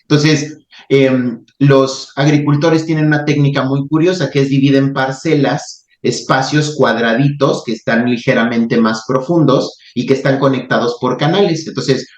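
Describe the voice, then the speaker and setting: A man hosting a talk, speaking calmly and reflectively with frequent restarts. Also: medium pitch. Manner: calm, reflective, halting with restarts. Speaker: podcast host. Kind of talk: reflective spiritual talk and storytelling. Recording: roomy, slightly muffled recording.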